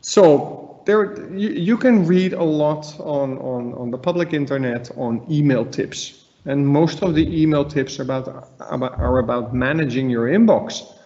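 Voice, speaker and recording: A man's voice: a little high, unhurried, warm tone. A middle-aged man with a Dutch accent gives a conversational slide presentation as a trainer, emphatic and repeating words for stress. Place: living room at home. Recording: slightly dull webinar audio.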